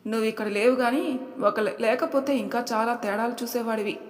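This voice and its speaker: A woman's voice: a little high, steady tone, fairly quick, big-room sound, lightly acted. Woman voicing a teasing young man. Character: playful young man teasing his girlfriend.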